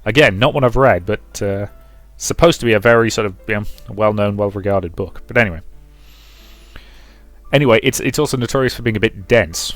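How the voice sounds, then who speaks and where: Brisk and slightly bright, a lowish male voice hosts a let's play, trading casual comments for stretches of reading a visual novel's story. Game music plays behind him, and the room has a noticeable echo.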